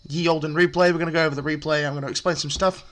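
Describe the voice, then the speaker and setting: A man's voice: on the high side, steady tone, rapid-fire, fairly bright tone. A man casually walking through a card game deck, chatty and full of fillers, explaining step by step. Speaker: deck profile presenter.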